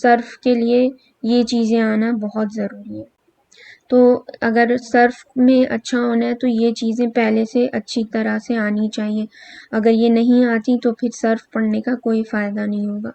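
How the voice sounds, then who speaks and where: Slow-drilling woman teacher, gravelly voice. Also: fairly high pitch, little pitch movement, dark tone, no room sound. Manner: patient, drilling verb forms slowly. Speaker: Arabic grammar teacher. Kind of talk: recorded lesson, slow recitation drills. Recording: dull, lo-fi, dry.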